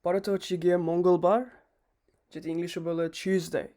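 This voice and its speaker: A teacher giving a slow, deliberate pronunciation lesson, repeating each word for drilling and mixing Bengali with English words. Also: medium pitch, flat delivery, mellow.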